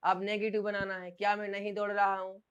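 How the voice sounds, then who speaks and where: Clear-voiced teacher drilling a class. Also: male voice, high voice, completely flat delivery, fairly quick, fairly bright tone, dull audio. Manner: drills by asking and repeating questions. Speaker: English teacher. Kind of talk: classroom grammar lesson.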